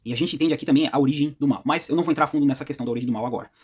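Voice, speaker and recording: A man giving an informal Bible study, talking conversationally with frequent tag questions and slowing down to read scripture passages aloud. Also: medium pitch, darkish tone, husky, lo-fi sound. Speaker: Bible teacher.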